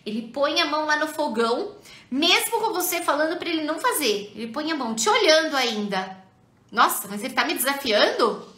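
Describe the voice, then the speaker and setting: Animated Brazilian woman, high lively voice. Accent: Brazilian Portuguese. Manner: animated, addresses viewers directly. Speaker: parenting educator and mother. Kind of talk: live talk to parents. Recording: echoey room.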